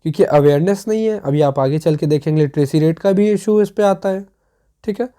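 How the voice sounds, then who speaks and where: A teacher giving a step-by-step exam revision lesson. The teacher often pauses to check that students follow. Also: medium pitch, mellow. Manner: explains step by step with many checks for understanding.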